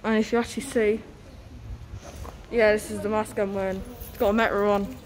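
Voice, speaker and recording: On a busy, noisy station platform outdoors, a young woman from North East England narrates her train-spotting vlog in a mid-range, level voice at a fairly quick pace. Speaking casually and slightly muffled through a face mask, she announces each train's number and destination amid vehicle noise.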